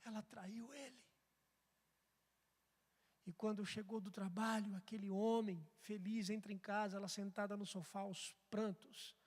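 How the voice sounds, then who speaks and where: A man's voice: high-pitched, steady tone, a little slow. Dramatic storytelling preacher man. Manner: dramatic storytelling, swings between loud and hushed. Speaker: pastor. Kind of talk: sermon. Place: church sanctuary. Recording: echoey church hall.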